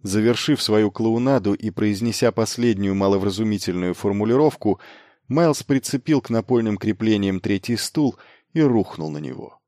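A man's voice: lowish voice, normal speed, mellow, no room sound. Man reading an audiobook, dry. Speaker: audiobook narrator. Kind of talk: scripted narration.

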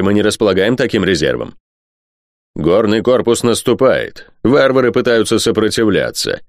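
A cold, scheming nobleman from an audiobook, polished and condescending, as a male narrator plays him. He lectures in smooth sentences that swing widely in pitch, recorded close and dry. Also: no echo.

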